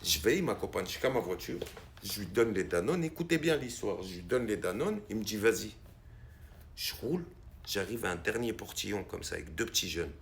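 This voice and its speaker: A man a gravelly, creaky voice flecked spins a long personal anecdote. He talks in a loose, conversational way and throws his voice high and loud whenever he imitates the people in the story. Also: brisk, a little hiss or hum. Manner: animated, acts out quoted voices with big pitch jumps. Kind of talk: casual spoken anecdote.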